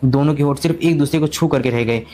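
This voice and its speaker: A man narrating a storybook recap in rapid, continuous storytelling with frequent restarts. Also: on the high side, dark tone, slight background noise.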